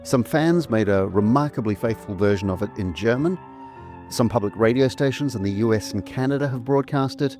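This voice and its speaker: A middle-aged or older man, the presenter and remastering producer, narrates a scripted trailer over faint music. His mid-range voice is brisk with a darkish tone.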